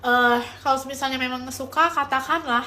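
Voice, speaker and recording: A young woman with a high-pitched, steady, sharp voice hosts a casual livestream at normal speed. She answers viewer chat with relationship advice, affectionately calling viewers pet names and mixing in English phrases.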